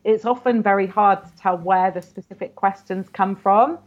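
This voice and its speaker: A woman scholar speaks in an earnest, explanatory way at a middle pitch, and her speech is full of "you know". The sound is slightly muffled and lo-fi. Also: moderate pace. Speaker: guest scholar. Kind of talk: academic interview. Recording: muffled lo-fi audio.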